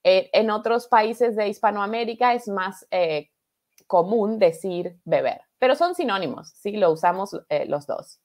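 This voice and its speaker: A woman with an Argentine accent, from Argentina, streams a live Spanish lesson from her home studio. Her medium-pitched, darkish voice is lively and unhurried, and she patiently encourages viewers, repeating points and checking in with "¿verdad?".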